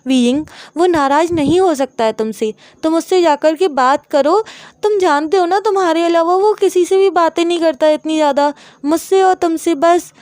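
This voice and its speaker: A woman's voice: extremely high pitch, normal speed, a little mellow, dry recording. A woman voicing a caring young man who coaxes and soothes someone in a storytelling reading. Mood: soothing. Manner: soothing, coaxing.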